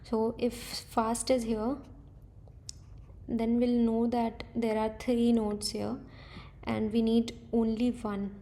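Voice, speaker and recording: A woman's voice: fairly high pitch, completely flat delivery, slow pace, warm tone. A woman thinking aloud as she works through a coding problem, hesitant and correcting herself as she goes. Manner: hesitant, tentative, self-correcting. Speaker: coding tutor.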